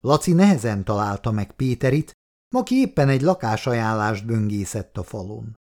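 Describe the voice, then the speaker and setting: A man reading a story aloud as narrator in an expressive way. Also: lowish voice.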